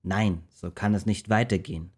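A man voicing God in a rhymed children's Bible story, with a measured, stately delivery. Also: fairly low pitch, slightly rough. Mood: stern. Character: God, calm commanding divine voice.

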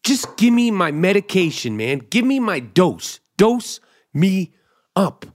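A podcast host with a notably high voice works through a loose comedic monologue. He speaks slowly but is very animated, rambling, swearing freely and poking fun at himself.

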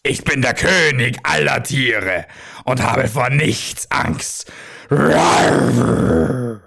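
A man's voice: mid-range voice, very slow, creaky, a bit bright, husky, heavily acted. A man voicing a proud, boastful male lion in a children's Christmas story, speaking in a threatening way.

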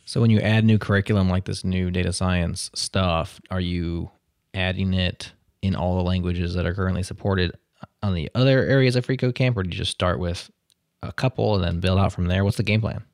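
A male podcast co-host with a very low voice. He asks his questions in a measured, steady way. The sound is dry and close. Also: no room sound. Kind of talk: casual podcast interview.

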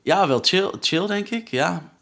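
A man's voice: high voice, expressive, measured pace, vocal fry, fairly bright tone. A young man hosting a podcast, chatting casually with many stammers and restarts. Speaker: podcast host. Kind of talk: casual chat.

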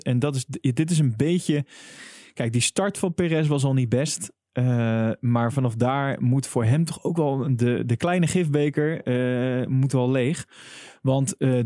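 A man co-hosting a casual motorsport chat, chatty and quick to laugh, with plenty of fillers. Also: mid-range voice, warm tone, dry recording, clean studio sound. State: frog in his throat, clears throat. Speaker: podcast co-host.

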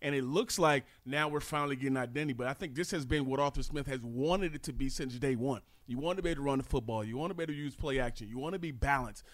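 An earnest American man, a former player, explains football on a casual podcast in long steady runs. His voice sits at a middle pitch. The recording is dry and close. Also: quick pace, few pauses, dry recording. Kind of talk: casual sports podcast chat.

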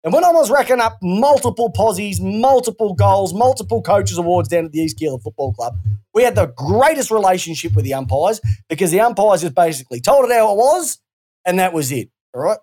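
A woman's voice: mid-range voice, animated, a little fast, mellow, slightly rough. A woman with an Australian accent co-hosting a casual sports podcast, ranting and swearing freely. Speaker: podcast co-host.

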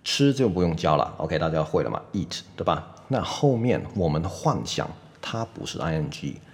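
A man giving an online pronunciation lesson, explaining patiently, slowing down to model sounds and sprinkling "OK" through his speech. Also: low-pitched, sing-song. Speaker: English pronunciation teacher.

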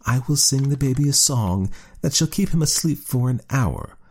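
A man's voice: medium pitch, expressive, darkish tone, husky, voice pushed up. A man voicing a sly, aloof storybook cat. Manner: measured, formal cadence. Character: aloof male cat, sly and self-satisfied.

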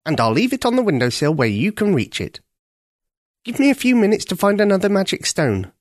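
A man's voice: high-pitched, huge pitch swings, fairly quick, no room sound, voice pushed up. A boisterous old storybook crow, the bossy senior of the flock, coaxing and eager, as a man reading aloud puts him on. His voice leaps up and down and sits raised above the storyteller's own. The recording is dry and close. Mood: helpful.

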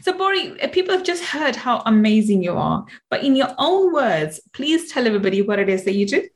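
A woman's voice: a little high, big pitch swings, brisk. A woman hosting a podcast interview, talking in an effusive, gushing way. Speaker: podcast host.

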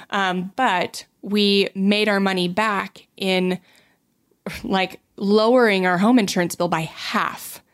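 A woman co-host with a mid-range voice walks through money tips in a relaxed chat. She fills pauses with "um" and slips into quoted dialogue as she tells her stories. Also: medium pitch. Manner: conversational, many "um"s, acts out quoted dialogue. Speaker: podcast co-host. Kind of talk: casual chat about personal finance.

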